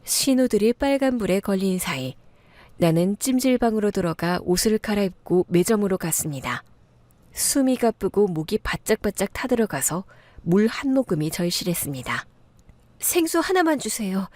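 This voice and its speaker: A woman giving a steady, low-key scripted first-person narration of a dramatic family story. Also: moderate pace, no room sound.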